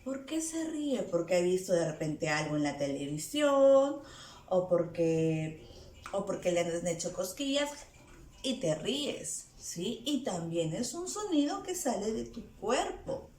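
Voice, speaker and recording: A woman's voice: medium pitch, big pitch swings, a little slow, darkish tone. A woman teaching a lesson to small children, asking them questions and playfully acting out sounds. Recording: echoey room with faint music.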